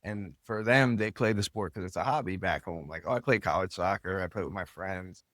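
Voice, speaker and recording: Speaking a little fast in a low, fairly bright voice with no room sound, an American podcast guest relates stories candidly and colloquially. He owns and coaches a soccer club, and his casual interview storytelling includes the odd swear word.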